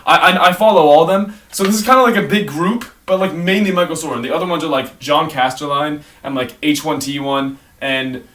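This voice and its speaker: Hosting a ranking of his favorite creators, a young man rambles casually through the list, often correcting himself and trailing off mid-sentence. His voice is on the high side and a bit bright, fairly quick with few pauses. A distant mic picks up clear background noise.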